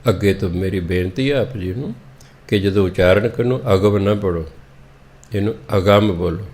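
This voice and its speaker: A man preaching on scripture, going verse by verse and spelling out words letter by letter in a deliberate, instructive way. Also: low-pitched. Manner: deliberate, instructive tone with gentle appeals to listeners. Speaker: Sikh preacher explaining scripture. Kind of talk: slow scripture exposition.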